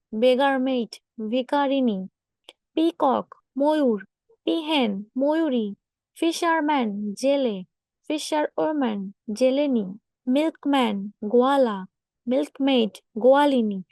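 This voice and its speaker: A woman teaching English grammar, reading out word pairs and rules in a measured, steady, list-like way. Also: high voice, no room sound. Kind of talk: instructional reading of word lists.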